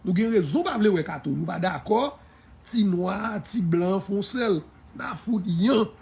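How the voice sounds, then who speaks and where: A man's voice: high voice, expressive, unhurried, gravelly, a little mellow. A man with a Haitian accent giving a defiant, emphatic live-stream monologue, laughing often and slipping into French phrases.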